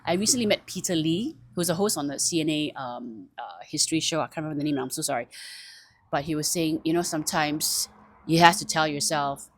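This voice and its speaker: A woman vlogging in a casual, animated chat, often laughing and poking fun at herself. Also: sits low, fairly quick. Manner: animated, chatty, laughing often, self-mocking.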